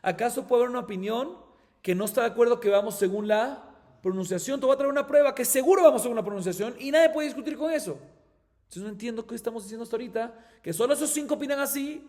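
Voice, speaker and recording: Colombian rabbi guy teaching talmud, high-ish voice, asks himself questions, hall reverb. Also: darkish tone. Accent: Colombian Spanish. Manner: explains step by step, asks and answers his own questions. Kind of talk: Talmud class.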